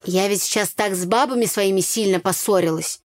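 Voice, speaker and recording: A woman's voice: mid-range voice, a little fast, no room sound, clean studio sound, natural voice. A woman voicing a brash, gossipy young village woman who talks bluntly in slang.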